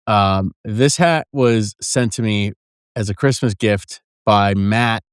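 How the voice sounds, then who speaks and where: A man's voice: on the low side, takes it slowly, clear, resonant tone, dry recording, studio quality. A man co-hosting a podcast in casual chat, swearing often and poking fun at himself. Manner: profane, self-deprecating, jokey. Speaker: podcast co-host.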